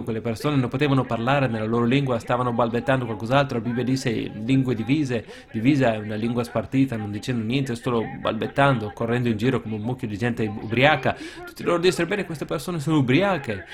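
Impassioned man preaching a sermon. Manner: impassioned, rises to shouts then drops low.

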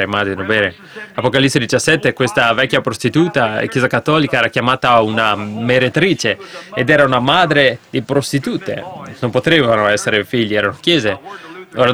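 A man preaching a sermon, emphatic, with many rhetorical questions to the congregation, swinging between raised bursts and low asides. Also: fairly bright tone.

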